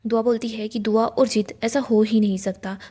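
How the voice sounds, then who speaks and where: Speaking in a fairly high, slightly rough voice at a moderate pace, a woman casually narrates a TV serial scene by scene. Her retelling is steady, and she delivers the characters' dialogue in her own voice rather than imitating them.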